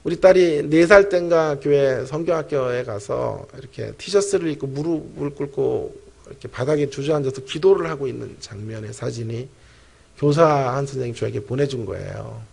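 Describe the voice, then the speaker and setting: A middle-aged man, a pastor and professor, preaching a sermon and telling a personal story with animated storytelling, speaking straight to the congregation. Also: mid-range voice, normal speed, gravelly, slightly rough. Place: church sanctuary.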